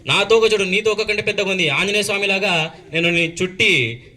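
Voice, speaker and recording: A man's voice: high voice, fairly quick, pushed and bright, voice pushed up. A man voicing a brave young man who boasts back at a demon to save his brother. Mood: boastful. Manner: defiant, mock-boastful.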